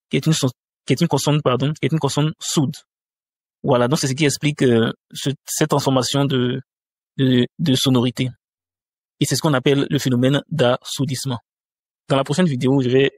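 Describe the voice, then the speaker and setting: A man teaching a pronunciation lesson at a mid-range pitch, with a patient and unhurried delivery. He says each example word more than once, slowly, and often stops to search for a word. The sound is close and dry, with no room around it. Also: dry recording. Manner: patient, repeats example words slowly, frequent hesitations. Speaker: language teacher. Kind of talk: spoken lesson explaining pronunciation.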